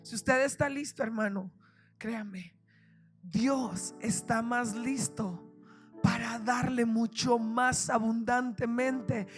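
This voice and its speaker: A middle-aged woman, a guest pastor, preaching an emotional sermon that swings between soft hushed telling and fervent shouted prayer. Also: a little high, steady tone, slow. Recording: church with loud music behind. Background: music playing.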